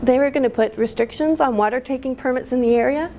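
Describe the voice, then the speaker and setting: A woman speaking at a public talk, halting and emotional, with many fillers, recorded with faint room ambience. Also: sits high, a little mellow, slight background noise. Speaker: community activist speaker.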